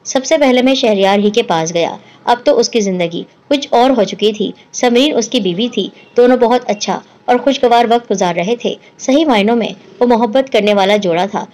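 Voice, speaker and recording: Woman narrating a story, slightly high. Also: few pauses, darkish tone. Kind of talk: first-person story narration.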